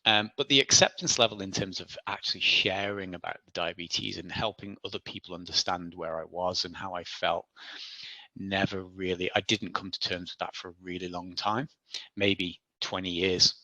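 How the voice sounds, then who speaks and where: Guy, 40s, lowish bright voice, chatty and laughing at himself, dry sound. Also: fairly even intonation, normal speed, no echo. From Isle of Man. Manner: chatty, self-deprecating, laughs often. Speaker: podcast guest. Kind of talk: casual interview storytelling.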